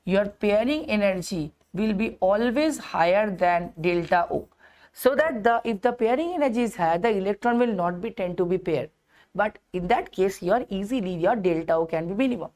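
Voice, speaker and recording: Teaching chemistry, this Indian-accented woman speaks at a moderate pace with lively intonation and a medium, slightly mellow voice. Hindi phrases slip into her English, and she stresses points through repetition and rhetorical questions.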